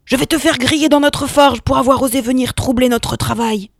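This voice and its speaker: A woman voicing a huge, gruff male cyclops blacksmith who shouts threats in a children's audio story. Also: sits high, steady tone, normal speed, no room sound, studio quality, voice pushed up. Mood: menacing. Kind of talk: storybook character voice.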